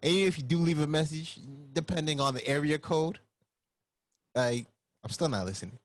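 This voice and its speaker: A man's voice: on the high side, moderate pace, no room sound. A man co-hosting a casual podcast, emphatic and jokey, repeating points for effect. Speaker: podcast co-host.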